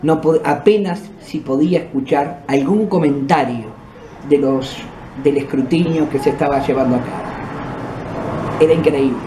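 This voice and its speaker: A man's voice: on the high side, moderate pace. A man with a Uruguayan accent, the host of a podcast, telling his own paranormal experiences in a conversational way. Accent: Uruguayan Spanish. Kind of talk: first-person storytelling of paranormal experiences. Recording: echoey room with background noise.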